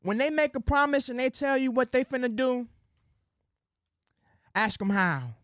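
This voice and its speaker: A man's voice: very high voice, expressive, unhurried, clear, resonant tone, no room sound. Man, political monologue, preachy, slangy, dry close sound. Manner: preachy, street slang, addresses audience as ladies and gentlemen; drops into soft sweet-talk voice when acting out quotes. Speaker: political commentary host. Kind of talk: direct-to-camera political monologue.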